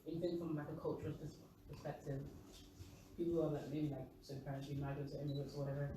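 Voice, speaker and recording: A man's voice: on the high side, monotone, quick pace. A young man with a London accent speaking casually and discursively in a discussion. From East London, England. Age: young adult. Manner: rambling, discursive. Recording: very echoey room, distant mic, noisy.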